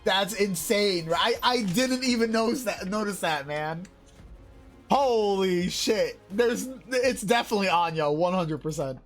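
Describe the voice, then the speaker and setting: A woman streamer giving casual, excitable gameplay commentary, swearing often and shouting when surprised. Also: mid-range voice, unhurried, faint music behind.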